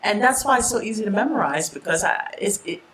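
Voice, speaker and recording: A woman of Jamaican roots, a poet and writer, talking in a relaxed, chatty way in an interview, laughing often and restarting her sentences. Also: mid-range voice, quick pace, crowd noise, low-quality recording. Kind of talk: relaxed interview talk with a poetry reading.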